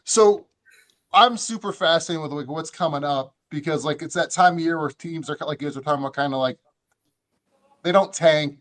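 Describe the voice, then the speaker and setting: A man's voice: fairly high pitch, fairly bright tone. A man hosting a sports panel in casual chat, saying "like" often and setting up questions for the others. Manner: chatty, heavy use of "like".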